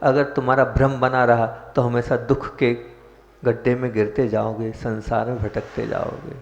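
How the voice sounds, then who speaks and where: A male Jain monk giving a sermon, chanting prayers slowly and then preaching in a measured way with rising emphasis. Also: mid-range voice, level tone, creaky, highs cut off. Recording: echoey hall with long reverb.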